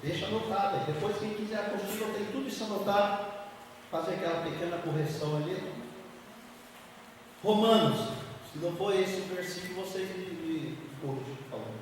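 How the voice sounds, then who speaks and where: A man's voice: sits high, fairly quick. A man preaching a sermon as an evangelical bishop, emphatic, asking the congregation questions and answering them himself. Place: church hall. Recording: echoey hall from far off, faint noise.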